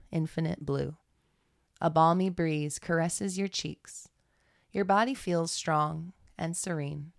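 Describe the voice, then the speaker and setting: A woman reading a guided meditation in a slow, soothing, measured manner. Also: on the low side, dry recording, clean studio sound. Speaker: podcast guest reading aloud.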